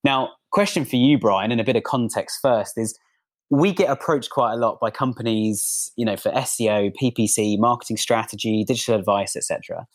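A man's voice: mid-range voice, brisk. A man hosting a podcast, chatting casually and drawing on his own business. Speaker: podcast host.

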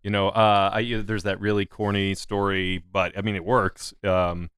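A man hosting a casual podcast who speaks haltingly with many fillers. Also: fairly low pitch, little pitch movement, fairly bright tone, smooth, no echo, studio quality. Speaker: podcast host.

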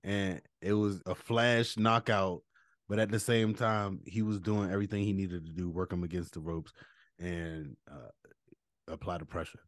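A man's voice: sits low, steady tone, moderate pace, no room sound, studio quality. A man co-hosting a casual sports podcast, laid-back and playful, with loose slangy talk. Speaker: podcast co-host.

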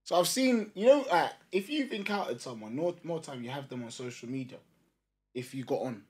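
A man's voice: mid-range voice, lively intonation, fairly quick, husky. A young man with a London roadman accent, chatting casually and telling anecdotes in a slangy, teasing way. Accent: London, urban roadman slang accent. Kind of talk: casual banter and anecdote chat.

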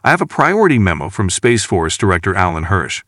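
A dutiful young airman reporting in a formal way, read by an audiobook narrator. The voice is low and sounds close and dry. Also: very animated, brisk, fairly bright tone, no room sound.

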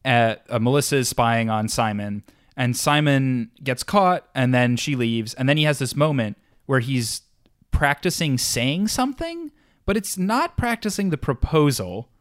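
A sarcastic, animated man picks apart a movie in a relaxed chat. He is recorded dry and close, with no room sound. He often acts out lines in silly voices. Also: medium pitch, measured pace, no echo. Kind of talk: casual podcast chat about a movie.

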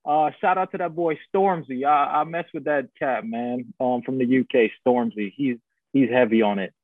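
A man's voice: medium pitch, steady tone, moderate pace, no echo. Laid-back man on a tinny line. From Guyana. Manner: laid-back, agreeable, lots of slang. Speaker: podcast co-host. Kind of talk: casual chat. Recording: dry, phone-like lo-fi sound.

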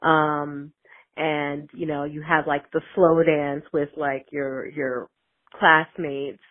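Woman caller leaving a voicemail, thoughtful and halting, heard over a thin phone line. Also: low voice, level tone. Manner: hesitant and reflective, many ums. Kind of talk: casual voicemail message.

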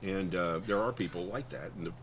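A man, a guest expert on chili peppers from New Mexico, explaining in casual chat with many ums and pauses while his eyes water from the heat. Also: deep voice, a crowd in the background. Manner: halting, many ums and uhs.

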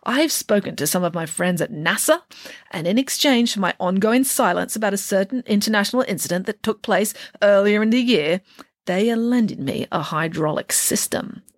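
A woman's voice: medium pitch, lively intonation, normal speed, no room sound, clean studio sound, close to an everyday voice. A woman voicing a bossy, shrewd, cake-loving nanny who talks in a grand, boastful way.

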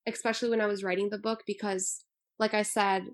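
A woman's voice: medium pitch, flat delivery, a little fast. A woman in her twenties, born in Albania, speaking as an author in an earnest, thoughtful interview. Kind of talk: interview answers.

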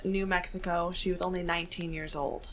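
A woman's voice: lowish voice, level tone, brisk, a little hiss or hum. A young woman co-hosting a podcast, reading out case notes in a conversational, giggly way with "um"s. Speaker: podcast co-host presenting a case.

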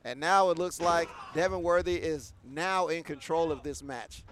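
Male play-by-play wrestling commentator with a high voice; excitable, loud on big moves. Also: moderate pace, background noise.

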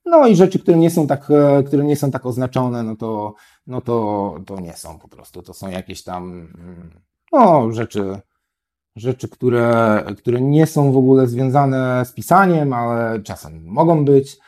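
Mellow-voiced man, hesitant and rambling. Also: mid-range voice, animated, a little slow. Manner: hesitant, many fillers and tag questions. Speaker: guest writer. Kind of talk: casual chat.

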